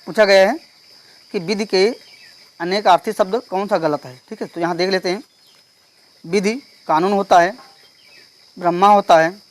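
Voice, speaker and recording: A male teacher solving an exam paper step by step. He reads each question slowly and keeps checking in with the class. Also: high voice. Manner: explains step by step, reads questions slowly, repeats "theek hai". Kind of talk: exam paper walkthrough lesson.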